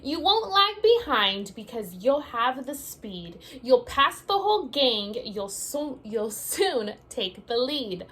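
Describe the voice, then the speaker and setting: This is a woman teacher giving young children a picture-book read-aloud, speaking to them directly in a sing-song, expressive storybook way. She pitches on the high side and goes slowly, barely pausing at all.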